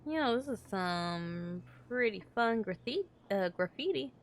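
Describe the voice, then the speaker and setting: A woman's voice: medium pitch, expressive, unhurried, a little hiss or hum. A young woman casually commenting as she plays a game, chatty, joking and swearing freely. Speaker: gaming streamer.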